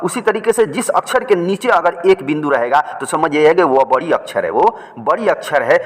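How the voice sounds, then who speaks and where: A man's voice: fairly high pitch, long reverb tail. A man teaching reading and writing, explaining each letter patiently and repeating every point.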